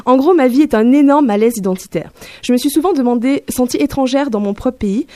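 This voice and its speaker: A woman's voice: high-pitched, fairly quick, dark tone, no echo. A young woman with a French accent, reading a wry, self-mocking opinion column on the radio. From Canada. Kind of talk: scripted opinion piece.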